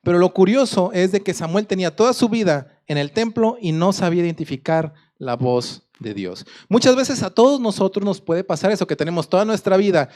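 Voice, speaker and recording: A man's voice: high voice, expressive, brisk, few pauses, darkish tone. Mexican man preaching conversationally. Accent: Mexican Spanish. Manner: conversational storytelling, asks the audience questions. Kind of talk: sermon.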